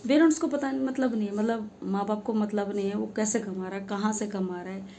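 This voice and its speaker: A woman's voice: medium pitch, steady tone, fast, mellow, a little hiss or hum. A woman telling an earnest, emphatic story to her followers, asking rhetorical questions as she goes. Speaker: social media creator. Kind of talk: heartfelt storytelling monologue.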